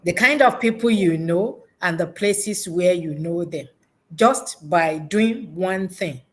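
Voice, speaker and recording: An education consultant answers interview questions conversationally and without a script, her voice fairly low and her pace slow. She reflects as she goes, restating points to emphasize them.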